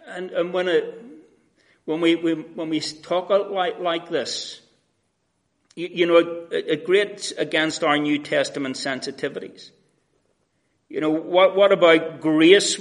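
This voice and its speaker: Earnest male preacher, conversational. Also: a little high. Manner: earnest, conversational, with frequent restarts. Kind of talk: sermon.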